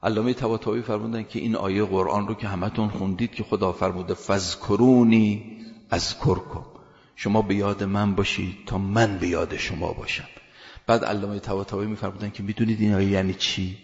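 A man preaching a sermon, telling stories earnestly and building emphasis with rising, louder phrases. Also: on the low side, steady tone. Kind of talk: sermon with storytelling. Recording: long hall reverb, dull lo-fi sound.

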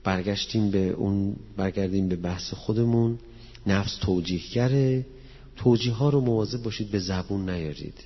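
A man with a lowish, slightly rough voice preaches to people gathered in a hall, recorded with a dull echo. Quoting Arabic scripture and Persian poetry, he explains the passages plainly and guides the audience in prayer.

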